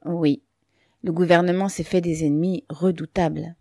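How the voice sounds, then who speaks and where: A woman voicing a thoughtful, quiet bearded male peasant who speaks low and pensively, read from a storybook. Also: fairly even intonation, normal speed, no echo, clean studio sound.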